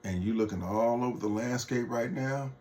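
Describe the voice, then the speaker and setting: A man's voice: medium pitch, moderate pace, darkish tone. A man delivering an off-the-cuff political rant to his viewers, heated, mocking and profane, addressing them as folks. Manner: talks straight to viewers as folks. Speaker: political vlogger.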